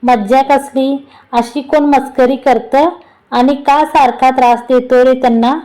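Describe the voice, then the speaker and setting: A woman's voice: high voice, fairly even intonation, a little slow, dark tone, poor audio. A woman voicing a young wife who scolds and asks puzzled questions, within a storybook reading.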